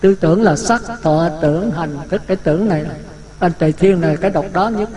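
A man's voice: sits high, a little fast, crowd noise. A man giving a Buddhist dharma talk, vivid and full of rhetorical questions. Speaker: Buddhist monk teaching. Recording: echoey hall.

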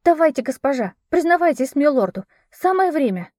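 A woman reading an audiobook, voicing a cheeky young maid in a high, excited pleading voice. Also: moderate pace, no room sound, studio quality. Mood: pert.

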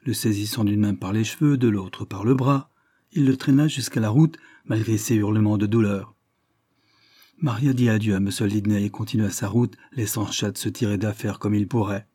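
Low, husky male audiobook narrator. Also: fairly even intonation, moderate pace, dark tone, no room sound, clean studio sound. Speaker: audiobook reader.

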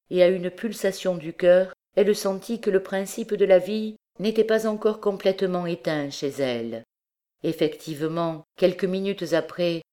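A woman reading a classic novel aloud as an audiobook, in a measured, dramatic way. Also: deep voice, mellow. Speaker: audiobook reader. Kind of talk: scripted narration of a classic novel.

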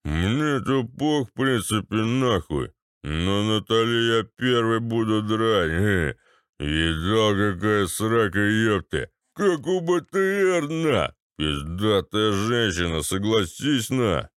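A man voicing a drunk, boorish ex-paratrooper with a bassy, slurred, swaggering delivery. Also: lively intonation, takes it slowly, fairly bright tone, smooth, dry recording, clean studio sound. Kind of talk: audiobook character voice.

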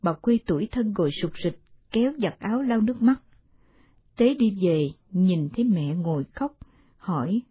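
A woman narrating a village family story in a measured, plain way. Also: mid-range voice, expressive, husky, dry recording, muffled recording.

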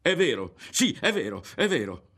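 A man's voice: a little high, big pitch swings, measured pace, a bit bright, voice pushed up. A man voicing a proud, touchy boy who speaks in a raised, insistent voice in an audiobook reading. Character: proud, touchy boy defending his father.

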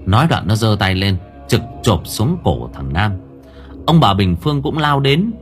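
A man narrating a ghost story audiobook in an expressive, dramatic way. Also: on the low side, a little slow. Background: soft background music.

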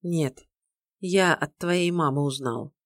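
A woman's voice: low-pitched, slow, dry recording, clean studio sound. A woman reading an audiobook, voicing a curt, tense young man speaking firmly. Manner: curt, firm.

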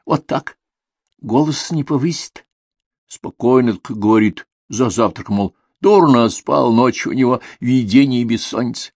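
A man's voice: mid-range voice, moderate pace, no room sound, clean studio sound, lightly acted. A man voicing a tearful, affectionate older sister, raising his voice and speaking in a lilting, heartfelt, homely way. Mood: confiding.

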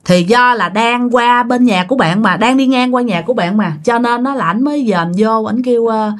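A woman's voice: on the high side, moderate pace. A woman telling a ghost story casually, chatting directly to her listeners.

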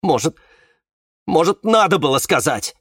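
A bitter, sharp-tongued young woman, put on by a man reading a novel aloud. Her voice sits well above his own, loud and mocking, swinging widely. The room is dry and close. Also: on the high side, big pitch swings, a little slow, husky, no echo, pitched above the performer's own voice, heavily acted. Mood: distraught. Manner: scornful, biting.

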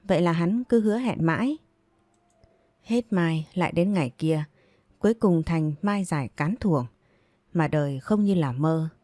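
Lady reading a story, calm and steady, dry close mic. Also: low-pitched, dry recording. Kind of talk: scripted story narration.

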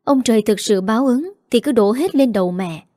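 A woman's voice: fairly high pitch, lively intonation, brisk, dark tone, no echo, clean studio sound, lightly acted. A woman reading the lines of a ruthless older mother in a drama recap, speaking cold and firm.

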